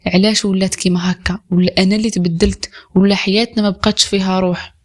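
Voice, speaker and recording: A woman with an Algerian Arabic accent voicing a cold, distant young husband with a curt, flat delivery. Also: medium pitch, fast talker, close to an everyday voice.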